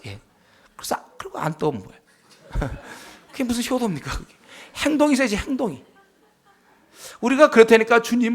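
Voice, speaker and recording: Male pastor, high-pitched, Bible study sermon, emphatic with rhetorical questions. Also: a bit bright. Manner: emphatic, rhetorical questions, frequent affirming "yes".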